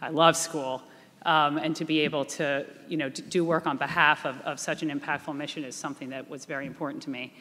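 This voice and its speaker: A woman's voice: deep voice, steady tone, fairly quick, fairly bright tone. Poised woman speaking in an echoey hall. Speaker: chief investment officer. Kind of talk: panel answer. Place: reunion event hall.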